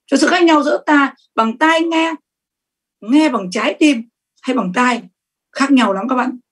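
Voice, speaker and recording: A middle-aged woman with a high-pitched voice delivers a sales training talk. She's lively and emphatic and frequently puts questions to the audience.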